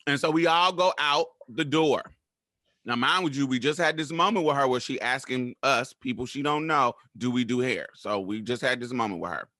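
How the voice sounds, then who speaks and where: A man's voice: medium pitch, normal speed, sharp tone, no echo, clean studio sound. A man, co-hosting and telling stories casually in a sassy, emphatic, profanity-laced way. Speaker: podcast host. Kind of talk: animated casual storytelling.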